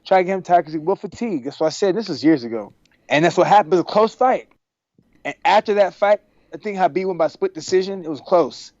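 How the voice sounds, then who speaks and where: A man from Texas, a podcast guest on a video call, telling stories in a casual, animated way and acting out the dialogue. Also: sits high, fast, dry recording. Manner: animated, acts out quoted dialogue. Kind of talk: casual storytelling. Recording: dry, dull video-call audio.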